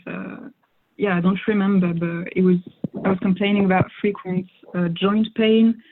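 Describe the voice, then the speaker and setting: A young woman, French by first language, is the guest in an interview, giving considered answers full of fillers and false starts. Her voice sits in the mid range, with slight background noise over a phone-like, narrow recording.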